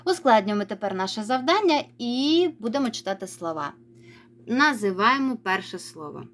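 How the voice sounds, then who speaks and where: A woman teacher giving a recorded reading lesson to young children, praising them and slowly drawing out words as she models reading. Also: on the high side, animated, fairly bright tone. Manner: encouraging, sing-song, stretches words slowly when modelling reading. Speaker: primary school teacher.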